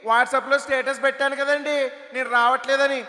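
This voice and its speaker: A man voicing a meek but cheeky young housemaid who answers slowly in a raised voice. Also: very high-pitched, little pitch movement, pushed and bright, voice pushed up. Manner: slow, drawn-out. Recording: echoey hall over PA.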